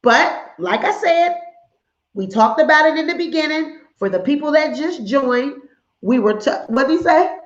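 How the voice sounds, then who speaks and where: A high-voiced woman from hosts a casual gossip livestream, sassy and animated. The sound is dull and lo-fi, and it echoes around the room. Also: moderate pace. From Philadelphia, USA. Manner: sassy, animated, laughing asides.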